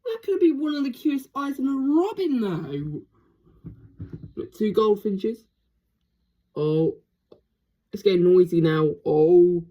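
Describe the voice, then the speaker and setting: A woman filming birds through a window at home, giving casual, excitable commentary full of gasps and exclamations. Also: medium pitch, slow, pauses often, highs cut off. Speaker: birdwatcher filming her garden.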